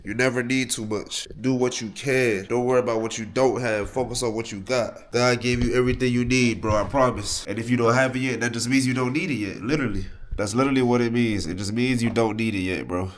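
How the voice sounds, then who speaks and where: A man's voice: mid-range voice, steady tone, a little fast, few pauses, a little hiss or hum. A young man from Miami vlogging casually from his home office, congested and nasal from a cold, talking in laid-back slang with motivational asides. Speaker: clothing brand co-owner. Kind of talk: casual vlog talk to camera.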